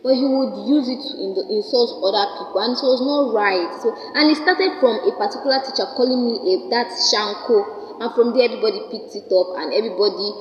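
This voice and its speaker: A woman's voice: a little high, brisk, a little hiss or hum. A woman in her twenties telling a personal story in a vlog, speaking earnestly and often repeating words as she thinks. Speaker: vlogger. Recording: roomy, reverberant, slightly dull sound.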